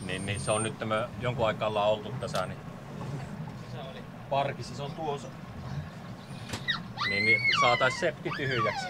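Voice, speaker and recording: Wind and water noise sit behind this middle-aged Finnish sailor as he vlogs casually to an action camera mounted on his boat, outdoors in the cockpit under a canopy. His mid-range voice swings hugely in pitch and pauses often as he thinks aloud with plenty of fillers.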